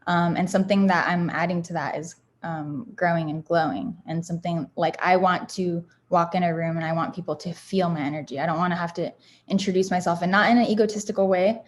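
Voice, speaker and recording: A founder shares self-help affirmations in a casual motivational talk, speaking briskly in a fairly low, steady voice over a slight hiss or hum. She's candid and rambling, with many fillers and restarts.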